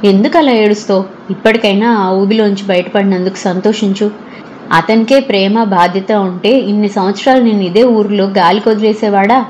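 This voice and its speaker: A woman's voice: medium pitch, fairly even intonation, normal speed, a little mellow, a little hiss or hum, natural voice, rough recording. A woman reading a stern, dignified older lady.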